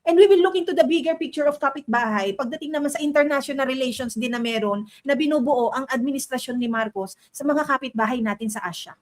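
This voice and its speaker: A woman's voice: sits high, quick pace, hardly any pauses. A woman co-hosting a political commentary show, chatty, reading viewer comments aloud. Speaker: co-host.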